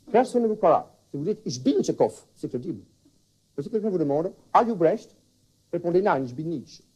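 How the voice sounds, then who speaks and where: A man's voice: on the high side, mellow, muffled recording, lightly acted. A man playing a flustered foreign language teacher in a stand-up comedy sketch, stammering through puns with a put-on accent. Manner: stammering wordplay, restarts. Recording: 1979 television broadcast.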